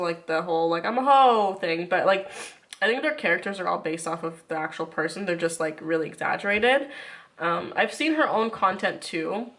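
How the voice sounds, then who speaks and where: A woman's voice: medium pitch, sharp tone. A woman chatting casually to viewers in an informal, rambling way with lots of "like", sick with a runny nose. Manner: informal, rambling, frequent filler "like". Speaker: YouTuber.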